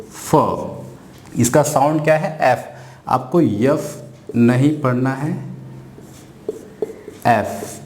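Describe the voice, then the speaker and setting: A man's voice: medium pitch, a little mellow. A man teaching children the phonic sounds of letters, repeating each sound and asking questions as he corrects mispronunciations. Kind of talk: slow phonics lesson for children. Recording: echoey room with faint noise.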